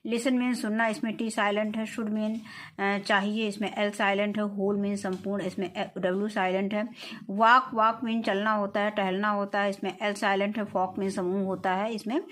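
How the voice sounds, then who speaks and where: A woman's voice: medium pitch, flat delivery, a bit bright. Hindi-speaking woman teaching English exercises. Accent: Indian English. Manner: reads English answers slowly, then explains in Hindi with filler "अ". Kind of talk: explaining textbook exercises.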